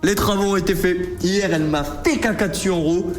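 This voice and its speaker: Man, high voice, excited gambling stream commentary, roomy echo. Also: brisk. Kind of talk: excited livestream commentary on slot play. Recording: roomy echo, faint music behind.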